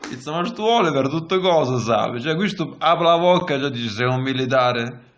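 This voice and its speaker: A man's voice: medium pitch, animated, moderate pace, a bit bright. A man from Puglia with a Southern Italian Pugliese accent, giving casual, crude, mock-exasperated comic commentary in dialect. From Puglia, southern Italy. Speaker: comic commentator reacting to a TV episode. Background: TV episode dialogue and music.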